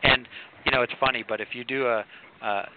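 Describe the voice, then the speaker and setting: A man's voice: medium pitch, steady tone, fairly quick. A man speaking earnestly and emphatically in a conversational talk, like a coach. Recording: tinny phone-like audio with faint noise.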